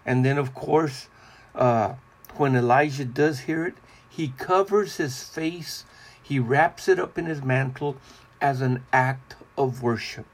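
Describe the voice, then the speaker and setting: A man preaching a devotional sermon in a slow, deliberate, repetitive cadence. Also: medium pitch.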